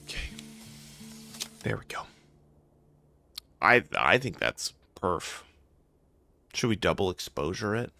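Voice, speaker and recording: A man's voice: deep voice, very animated, slow pace, gravelly, pauses often, pushed and bright, soft background music. A man giving casual, sweary gameplay commentary with a sarcastic, jokey manner. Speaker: game streamer.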